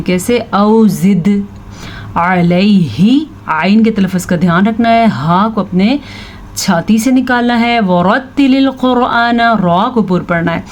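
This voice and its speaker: A woman teaching tajweed, slowly reciting verses and patiently explaining how each letter is pronounced. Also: medium pitch, darkish tone, slight background noise. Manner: slow, drawn-out recitation of verses between quick spoken explanations; patient, instructive, repeats each word to correct common mistakes. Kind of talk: tajweed lesson with recited examples.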